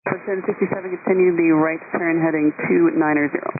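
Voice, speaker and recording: Fast-talking woman controller on tinny radio. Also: on the low side, fairly even intonation. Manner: composed, procedural, courteous. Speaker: air traffic controller. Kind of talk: air traffic control radio communication. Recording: noisy narrowband air traffic radio.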